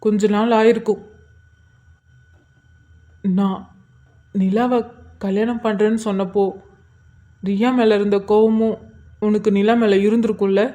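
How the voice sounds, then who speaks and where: A woman's voice: mid-range voice, flat delivery, unhurried, pauses often, warm tone, natural voice. A woman voicing a grieving, hurt young husband in an emotional cartoon drama. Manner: emotional, tearful. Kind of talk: cartoon voice acting.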